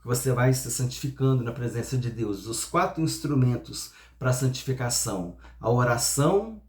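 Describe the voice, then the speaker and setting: A man's voice: medium pitch, animated, moderate pace. A man with a Brazilian Portuguese accent teaching a Sunday school Bible lesson, explaining step by step and often restarting and repeating words. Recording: echoey room.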